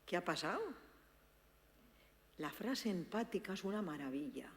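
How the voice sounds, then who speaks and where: A woman gives a lively teaching talk to an audience, acting out sample dialogues and speaking to her listeners directly. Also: on the low side, normal speed. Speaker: speaker presenting a book on active listening. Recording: long reverb of a hall.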